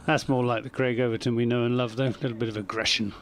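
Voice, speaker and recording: Male cricket commentator, mid-pitched, measured and understated, offering analysis with faint ambience behind. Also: level tone, slight background noise.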